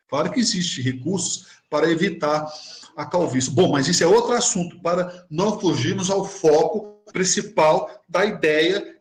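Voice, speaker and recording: Animated spiritist preacher man. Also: fairly high pitch. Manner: animated, humorous storyteller addressing brothers and sisters. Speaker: spiritist speaker. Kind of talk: sermon-like storytelling talk. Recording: echoey room.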